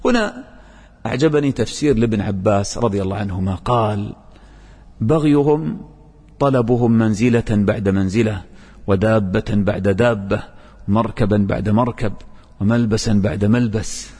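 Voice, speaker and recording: A man teaching Quran commentary and grammar, reciting verses slowly and quizzing his students with questions. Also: on the low side, mellow, husky, big-room sound. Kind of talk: tafsir and grammar lesson.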